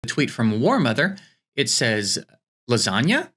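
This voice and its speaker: A man's voice: a little high, animated, normal speed, a bit bright. A man hosting a comedy show, reading fake tweets aloud in a bemused way with stammering restarts.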